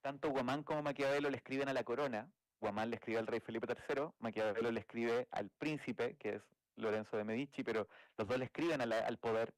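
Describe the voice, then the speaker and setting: A man's voice: mid-range voice, fairly even intonation, brisk, hardly any pauses, dry recording, rough recording. A man from Chile, speaking, giving a thoughtful academic talk as a game designer, with frequent restarts and "eh" fillers. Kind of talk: academic lecture.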